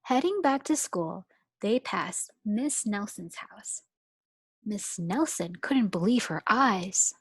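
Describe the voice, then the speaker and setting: A woman teacher reading a picture book aloud to young children in an expressive storytelling way. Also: medium pitch, slow pace, slightly rough, no room sound. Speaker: pre-kindergarten teacher.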